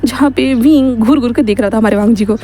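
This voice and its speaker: Chatty woman narrating a story, mellow. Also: on the high side, quick pace. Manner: chatty retelling with frequent fillers. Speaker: narrator of fan fiction.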